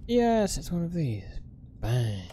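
A young man commentates on a video game in a casual, playful way. His delivery is unhurried with very animated pitch, close on the mic, with faint game ambience behind him. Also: a little hiss or hum. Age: young adult. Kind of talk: casual let's play commentary. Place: indoor home room, webcam setup. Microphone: close desk microphone with headset.

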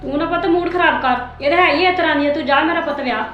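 A woman's voice: high voice, rapid-fire, lo-fi sound, soft background music, natural voice. A woman playing a domineering mother-in-law who spoils her son, scolding and dismissive in an amateur family drama.

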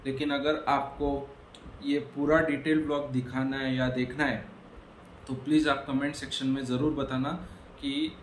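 Brief: young man from Goa, vlog address to camera, calm and explanatory, small indoor room, close phone mic. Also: mid-range voice, normal speed, roomy sound, a little hiss or hum, rough recording. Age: young adult. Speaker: travel vlogger.

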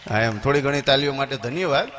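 A man, telling stand-up comedy stories to a live audience and jumping into high squeaky voices for his characters. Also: fast, a crowd in the background, noisy background. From Gujarat, India. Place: stage before a live audience.

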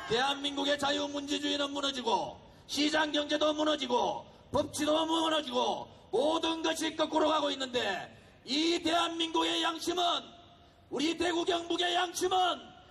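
A man giving a fiery political speech at an outdoor street rally, shouting and exhorting the crowd. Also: very high voice, creaky, slight background noise.

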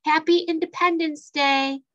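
A woman voicing a cheerful young woman train driver, friendly and bright, on a dull lo-fi recording. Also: sits high, steady tone, measured pace, voice pushed up.

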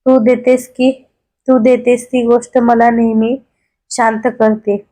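A woman voicing a calm, gravely ill young man who speaks softly and tenderly in a storybook reading. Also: a little high. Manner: soft, slow and tender.

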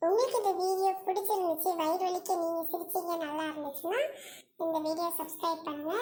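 Upbeat woman host with a very high voice, channel outro. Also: background noise. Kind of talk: video outro, asking viewers to subscribe.

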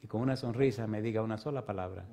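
Impassioned Spanish-speaking preacher, dark voice. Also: male voice, lowish voice, rapid-fire. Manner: impassioned, swings from loud preaching to soft pleading. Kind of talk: evangelistic sermon with altar call. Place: church stage.

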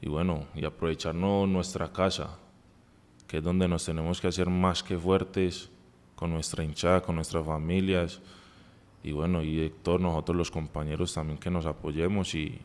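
A young man, a football player, answering at a press conference at a table mic, halting with many restarts and fillers. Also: low-pitched, little pitch movement, darkish tone, big-room sound. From Colombia. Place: press room in front of a sponsor backdrop.

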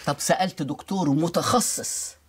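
A woman's voice: sits low, moderate pace, breathy edge. An actress playing a stern, commanding old grandmother in a film comedy. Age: older. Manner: commanding, scolding.

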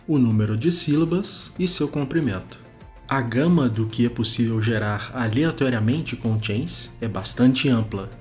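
A man hosting a web development show, giving steady scripted narration over a screencast of tools. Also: mid-range voice. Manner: steady, explanatory, informative.

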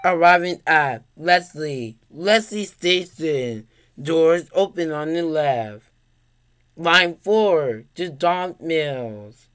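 Slow, clear male train announcer. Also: a little high, animated, fairly bright tone. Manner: slow, measured, evenly spaced station calls. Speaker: transit announcer.

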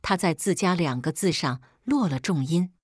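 A woman reads a first-person family story aloud in a low, dry, close voice. Her pitch moves a lot as she tells it, in a dramatic storytelling manner. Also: expressive, moderate pace, breathy edge, no room sound. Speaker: narrator.

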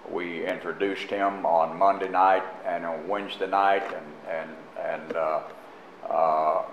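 An older man speaking as a pastor in a church, halting and full of fillers and restarts. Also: low-pitched, level tone, a little hiss or hum. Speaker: pastor introducing a guest teacher. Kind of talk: unscripted church announcements and sermon. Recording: echoey, muffled live church stream.

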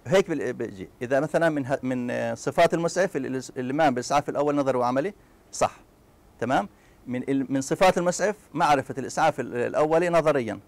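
A man with a Palestinian Arabic accent lecturing a class at a very quick clip. His pitch sits in the middle of the usual male range, and he keeps stopping to act out short scenes and throw asides to his students. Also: vocal fry, dry recording. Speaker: university lecturer.

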